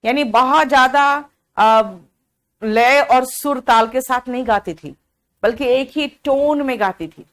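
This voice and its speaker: Woman online tutor, slow-paced and slightly high voice, drowsy, chatty, mixes English terms into her explanations. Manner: chatty, answers students by name, mixes English into Hindi. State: drowsy from cold medicine. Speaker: online exam-prep teacher. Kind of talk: live online class, explaining an English comprehension passage.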